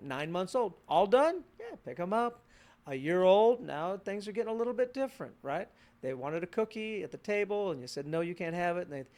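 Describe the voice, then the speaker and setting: High-voiced man preaching conversationally. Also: a little mellow. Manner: conversational preaching, acts out child and parent voices. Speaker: pastor. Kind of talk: sermon.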